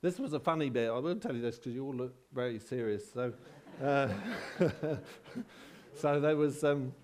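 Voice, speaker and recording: Halting, conversational male preacher. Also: medium pitch, darkish tone. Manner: conversational, halting, self-deprecating humour. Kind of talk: sermon with personal anecdotes.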